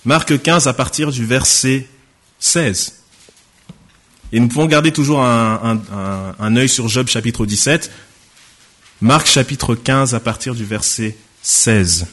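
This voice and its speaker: A pastor preaches a sermon, reading a Bible passage aloud, raising his voice for quoted speech, then explaining it in plain conversational terms. His voice is mid-range and fairly bright, at a slow pace.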